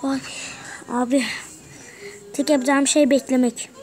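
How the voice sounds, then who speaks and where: A young woman streaming a game from her bedroom, excitable, with frustrated muttering and mild swearing. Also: sits high, measured pace, noisy background. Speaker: gaming channel host. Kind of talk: casual gameplay commentary. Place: bedroom at home.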